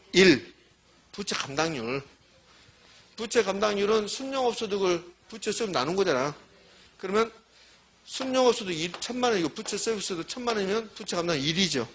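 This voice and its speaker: A man's voice: sits high, fairly bright tone, a little hiss or hum. A middle-aged man giving a classroom lecture, quizzing students and answering his own questions while repeating key terms. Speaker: real estate exam lecturer.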